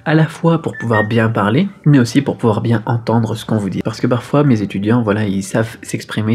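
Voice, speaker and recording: A Frenchman with a mid-range, somewhat dark voice vlogs casually to camera from his apartment during a power cut. He's a vlogger who teaches Chinese, and his chatty delivery is full of fillers and self-corrections, picked up by a camera-mounted shotgun mic.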